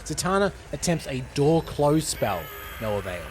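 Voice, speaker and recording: A man hosting a podcast, casually retelling a film script with animated delivery and frequent laughs. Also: on the high side, normal speed, slight background noise. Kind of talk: casual storytelling chat.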